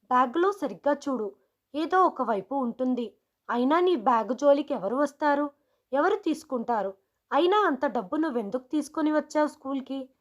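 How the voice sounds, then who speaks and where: A woman voicing a strict female schoolteacher who scolds her class with sharp questions. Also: high voice, lively intonation, normal speed. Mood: impatient.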